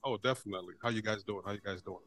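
Male podcast host, immigrant, low voice, loose filler-heavy chat, dry sound. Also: racing, a bit bright, no room sound, faint music behind. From immigrant to the United States. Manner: rambling, many fillers like "you know what I mean". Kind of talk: casual interview chat.

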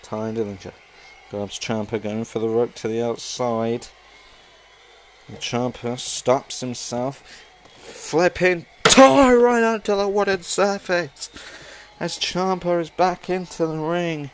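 A male wrestling commentator with a notably high voice. He calls the action play-by-play at a slow, drawn-out pace, dramatic and exclamatory, hammering on repeated phrases. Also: slight background noise.

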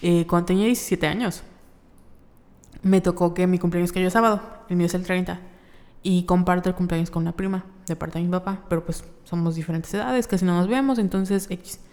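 A woman's voice: on the low side, fairly even intonation, a little fast, a little mellow, long reverb tail. A young Mexican woman co-hosting a podcast, telling stories in casual chat and acting out quoted voices. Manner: chatty storyteller, acts out quoted voices. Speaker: podcast co-host.

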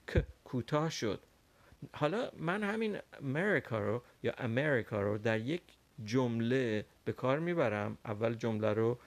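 A man whose first language is Persian, teaching a language lesson and explaining patiently with frequent pauses and fillers. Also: medium pitch, creaky. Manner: explains carefully with many pauses and fillers, models English words slowly. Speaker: English teacher.

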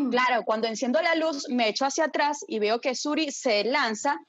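A woman telling a story casually to friends, dramatic and lively, swearing freely and often checking that her listeners follow. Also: high voice, normal speed, dry recording, muffled recording.

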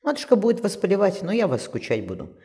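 A man's voice: high-pitched, huge pitch swings, fast, vocal fry, dark tone, voice pushed up, full character voice. A man reading as a tender, wistful young girl. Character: gentle young girl who talks to birds. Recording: long reverb.

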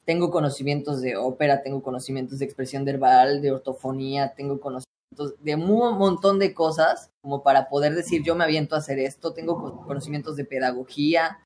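A man's voice: mid-range voice, steady tone, fairly quick, hardly any pauses, darkish tone, a little hiss or hum. A young Mexican man, a streamer and voice coach, talking earnestly in a casual podcast chat with many restarts. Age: young adult. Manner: earnest, advice-giving, frequent "o sea" restarts.

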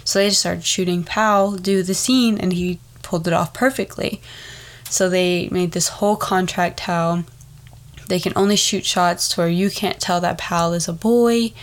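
A woman's voice: on the low side, steady tone, normal speed. A young woman with a wheezy, congested voice, chatting casually as a solo podcast host and drifting into rambling asides. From Texas, United States. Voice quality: wheezy, stuffed-up voice.

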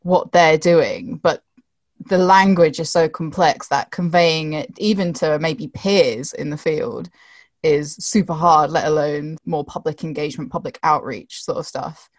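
A woman's voice: sits low, a little slow, no room sound. A woman interviewing a guest, asking questions in a chatty, easygoing way. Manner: chatty, laughs easily.

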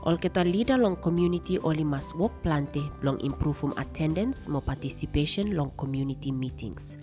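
A woman's voice: deep voice, expressive, a little fast, dark tone. A woman with a ni-Vanuatu accent reading scripted narration in Melanesian pidgin. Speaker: podcast narrator. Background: music.

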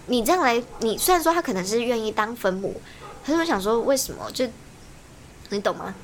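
A young woman rants with quick, bouncy speech, her high voice swooping up and down. She laughs often, and a faint hiss sits under the recording. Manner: animated, ranting, laughs often. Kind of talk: casual chat.

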